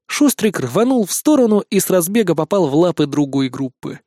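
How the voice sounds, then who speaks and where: A man reading a children's fantasy story aloud in a lively, playful narration. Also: high-pitched, fairly quick, no room sound, studio quality. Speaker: audiobook reader.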